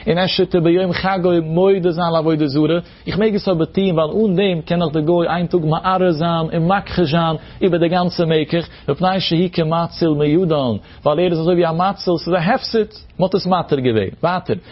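A man's voice: a little high, moderate pace, hardly any pauses, muffled recording. A man teaching a Talmud lesson in a sing-song explanatory cadence, mixing in Hebrew terms. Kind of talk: Talmud study lecture.

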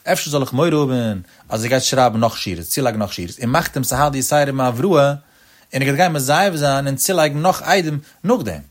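A man giving an explanatory religious lecture as a teacher of religious law, speaking in a lilting, sing-song cadence with sudden rises in pitch and addressing his listeners directly as friends. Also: brisk.

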